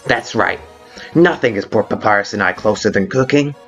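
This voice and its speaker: In a lo-fi fan dub of a video game, a man with a lowish, slightly bright voice plays a brash, hot-headed female monster guard captain. He speaks at a moderate pace with blunt, informal, earnest delivery in dramatic dialogue over background music.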